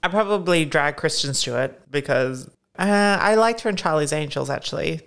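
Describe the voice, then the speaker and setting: A woman's voice: low-pitched, lively intonation, moderate pace, fairly bright tone. A woman co-hosting a casual chat, easygoing and self-deprecating, laughing often. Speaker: co-host.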